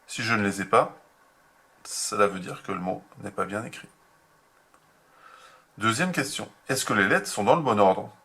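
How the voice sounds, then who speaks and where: A man teaching a remote handwriting lesson to young children, slow and patient, spelling out each step. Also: fairly low pitch, creaky, sharp tone, breathy edge. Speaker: kindergarten teacher.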